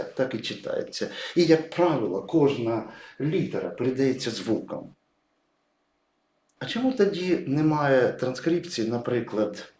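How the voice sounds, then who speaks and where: A man's voice: medium pitch, a little mellow, echoey room. A man teaching English pronunciation patiently, writing words and stressing each example. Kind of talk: explaining pronunciation at a whiteboard.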